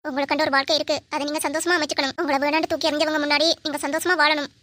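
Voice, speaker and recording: A caring, feisty young woman from a homemade audio drama, voiced by a woman. She talks very fast in a high, bright voice, pleading one moment and teasing the next. The recording is dry and close. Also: level tone, dry recording. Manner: pleading, then playfully scolding. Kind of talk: amateur audio drama acting.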